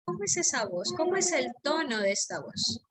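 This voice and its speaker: A woman, a mentor leading an online masterclass, calmly guiding listeners through a reflection exercise and slowing down on repeated phrases. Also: high voice. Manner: calm, slows down on repeated phrases.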